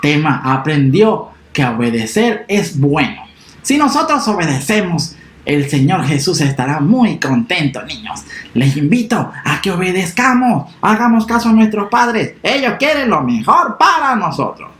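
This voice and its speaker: An animated children's storyteller whose pitch leaps up and down. The voice speaks straight to young listeners, recorded in an echoey room. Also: measured pace. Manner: animated, expressive, talks to children directly.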